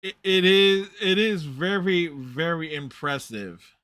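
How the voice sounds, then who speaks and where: Higher-voiced man doing casual reaction commentary. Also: slow pace, sharp tone, dry recording. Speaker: reaction video host. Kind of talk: casual running commentary on a TV show.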